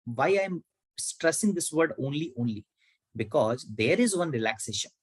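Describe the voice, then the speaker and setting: A man's voice: fairly high pitch, expressive, normal speed, slightly rough, no echo, rough recording. A man with an Indian English accent giving an online tax lecture, asking and answering his own questions and repeating key points. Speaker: tax educator.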